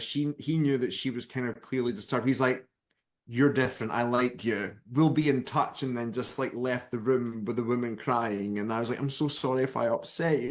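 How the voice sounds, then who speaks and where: A man from Scotland in his thirties, a spiritual author telling a personal story as a guest and acting out the people in it. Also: medium pitch. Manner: lively narrator who acts out the people in his story.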